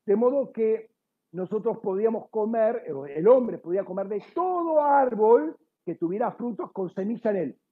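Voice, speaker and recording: A man's voice: sits high, lively intonation, normal speed, husky. A man teaching a sermon, explaining words one by one, correcting himself often and checking with his listeners. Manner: frequent self-corrections and apologies. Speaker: Bible teacher. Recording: tinny phone-like audio.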